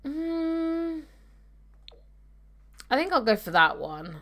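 A young streamer with a high, slightly bright, sing-song voice talks very slowly as she plays a game at home. She reads viewer comments and chats casually into a desk microphone on her webcam stream.

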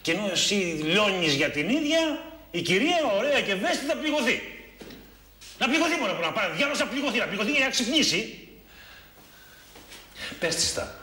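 A man's voice: low voice, animated, fairly bright tone, echoey room. An actor playing an ironic, teasing friend who mocks his colleague. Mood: mocking. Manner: ironic, teasing, rising to mockery. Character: mocking friend, ironic and philosophical. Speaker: actor in TV drama.

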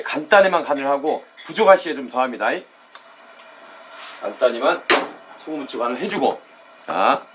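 High-voiced chatty cooking man. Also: heavy background noise. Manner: chatty, repeats "예" and "입장" as catchphrases; loud excited outbursts when tasting. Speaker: cooking YouTuber. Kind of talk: casual cooking demo and drinking vlog.

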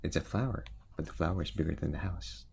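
A man reading a picture book aloud in a relaxed way, pointing out the pictures and adding asides. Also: extremely low pitch, quick pace, vocal fry, a little hiss or hum. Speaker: storyteller.

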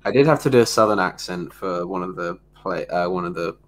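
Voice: deep voice, fairly quick, slight background noise. A livestream co-host chatting casually, giggly and a little sheepish. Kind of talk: casual chat.

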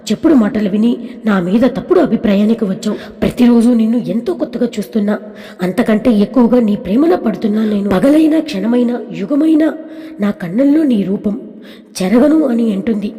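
A woman voicing a scheming young man who pursues a girl with smooth, boastful talk, in a storybook reading. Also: sits high, brisk, warm tone, natural voice. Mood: pleading. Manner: coaxing, boastful. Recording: long hall reverb.

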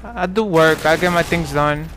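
A New Yorker in his twenties rambles casually over gameplay, packing his commentary with fillers and restarts. His voice runs fairly high and bright at a moderate pace, with a touch of background noise.

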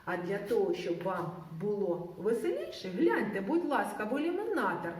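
A woman teaching a lesson to preschool children in a sing-song way, slowly drawing out sounds. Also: mid-range voice, huge pitch swings, darkish tone, a little hiss or hum. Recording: roomy, from a distance.

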